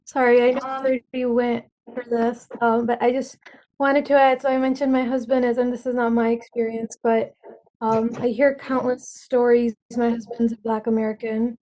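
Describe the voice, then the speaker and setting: Soft-toned, even woman on dull lo-fi audio. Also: on the high side, moderate pace. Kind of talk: casual personal account in a group discussion.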